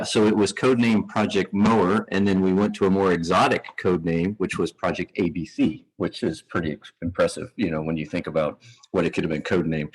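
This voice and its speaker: A man from Kentucky with a Kentucky accent giving a presentation to an audience, relaxed and self-deprecating. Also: sits low, slightly rough, poor audio. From Kentucky, United States. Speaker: guest presenter. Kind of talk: conference presentation. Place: lecture room with live audience.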